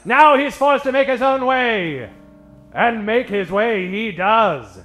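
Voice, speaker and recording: A very high-pitched, expressive man with a fairly bright tone narrates a tongue-in-cheek 1940s radio detective show while music plays behind him. He goes fully melodramatic and theatrical, stretching out the punchlines.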